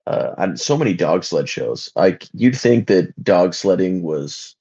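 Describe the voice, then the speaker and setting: A man's voice: low voice, big pitch swings, unhurried, vocal fry, dark tone, slightly rough. A man co-hosting a podcast in casual chat, recorded on a phone so he sounds muffled, as if from the bottom of a well. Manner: loose and rambling, with fillers. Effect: muffled phone-mic sound, like from the bottom of a well. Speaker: podcast co-host.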